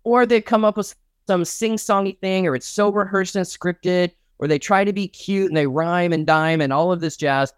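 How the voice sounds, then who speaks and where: A man's voice: normal speed, smooth, no echo. A middle-aged man, a networking expert guest, talking with punchy enthusiasm in an interview. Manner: enthusiastic, punchy, acts out his own pitches. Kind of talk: energetic interview talk.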